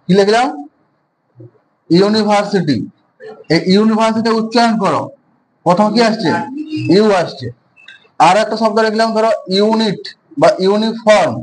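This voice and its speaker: High-voiced man teaching grammar. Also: normal speed, pauses often, darkish tone, slight background noise, rough recording. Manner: repeats questions and answers them himself. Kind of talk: classroom lesson explanation.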